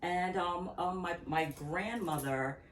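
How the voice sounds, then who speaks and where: Low-voiced 50s woman from barbados, chatty rambling interview, far off the mic in an echoey room. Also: slow pace. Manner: reflective, rambling with restarts and laughs. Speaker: interview guest, natural hair care practitioner. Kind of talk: casual interview talk. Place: her home workspace.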